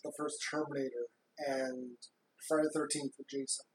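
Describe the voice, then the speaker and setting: A woman co-hosts a podcast in casual chat. Her voice sits low for a woman, and the room rings around it with faint background noise. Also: fairly even intonation, normal speed, darkish tone. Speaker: podcast co-host. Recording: roomy, with some background noise.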